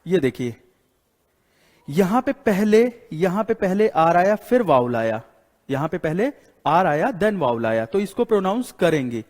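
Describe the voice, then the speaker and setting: A man with an Indian accent teaches an English class, writing on the board, repeating each rule and firing questions at his students. His voice sits a bit high for a man. It rings with a long reverb from the hall around him. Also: sing-song, measured pace, darkish tone. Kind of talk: classroom lecture in Hindi.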